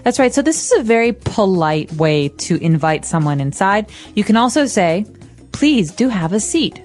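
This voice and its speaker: A woman co-hosting an English lesson podcast, explaining vocabulary in a clear, patient way. Her voice is of middle pitch. Soft music plays faintly in the background. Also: big pitch swings, moderate pace. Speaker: English teacher co-host.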